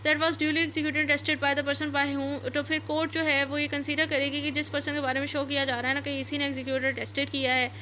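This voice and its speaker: A woman with a Pakistani accent gives an explanatory law lecture in a high, fairly flat, sharp-toned voice, speaking briskly with few pauses. She reads clauses aloud, then explains them repetitively, switching between English and Urdu. There's a little hiss or hum in the audio.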